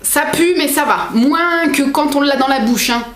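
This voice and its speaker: A young woman chatting as a book vlogger, excitable and full of fillers. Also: high voice, moderate pace. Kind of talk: casual unboxing chat. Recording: echoey room.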